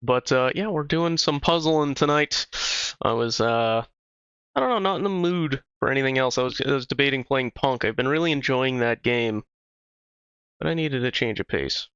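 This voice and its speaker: Bright, crisp-voiced male streamer. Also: medium pitch, normal speed, dry recording. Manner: loose and profane, chatting to viewers while playing. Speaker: livestreamer. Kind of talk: casual livestream chat. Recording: slightly dull stream audio with music.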